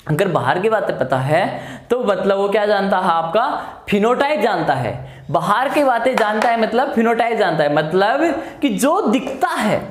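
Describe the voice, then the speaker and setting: A male biology teacher giving an exam-prep lecture, asking his class questions and answering them himself, repeating key terms and using homely examples. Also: high voice. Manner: explains with homely everyday examples in a coaxing tone. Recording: echoey room.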